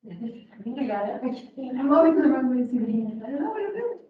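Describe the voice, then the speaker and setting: A woman's voice: high-pitched, very animated, quick pace, slight background noise. A woman chatting casually as a student in a class, heard from far off in an echoing room with thin sound. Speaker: student in a tai chi class. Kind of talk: casual chat. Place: indoor class, far from the mic. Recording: very echoey room, distant, phone-like thin sound.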